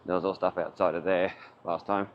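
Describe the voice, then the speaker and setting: Muffled, low-voiced Australian man in a mask. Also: flat delivery, fairly quick. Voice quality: muffled, speaking through a face mask. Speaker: vlogger. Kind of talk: casual rambling walking vlog. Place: outdoors, walking along town streets. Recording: muffled, dull audio with faint outdoor noise. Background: faint outdoor ambience.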